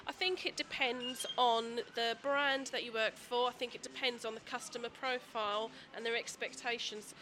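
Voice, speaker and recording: A woman shop manager answers a street interview in a fairly high voice. Her manner is clear and matter-of-fact. Street noise is plainly heard behind her. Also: fairly even intonation, normal speed, hardly any pauses, bright, forceful tone.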